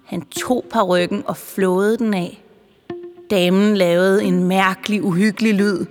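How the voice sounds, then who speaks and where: A woman reading a children's story aloud in a calm, clear storytelling voice. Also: medium pitch, long reverb tail, music in the background. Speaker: narrator. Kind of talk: audiobook narration for children.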